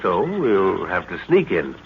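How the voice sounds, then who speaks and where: Heavily acted and very animated, this male voice is low with vocal fry, portraying a seasoned expedition leader and father, middle-aged or older, in 1940s radio acting. He sounds commanding, measured and determined, speaking deliberately with thoughtful hums, on a noisy, dull old radio recording.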